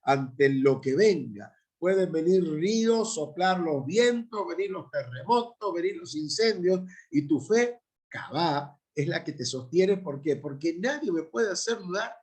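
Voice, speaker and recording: Argentine pastor giving an emphatic Bible lecture. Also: male voice, a little high, lively intonation, unhurried, darkish tone. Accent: Argentine Spanish. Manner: emphatic, with frequent rhetorical tag questions. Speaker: pastor teaching a Bible class.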